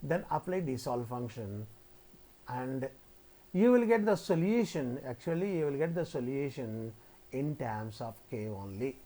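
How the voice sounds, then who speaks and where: Male tutorial lecturer, very animated intonation, mid-range voice, repeats himself while explaining. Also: mid-range voice, unhurried. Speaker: maths lecturer teaching software coding.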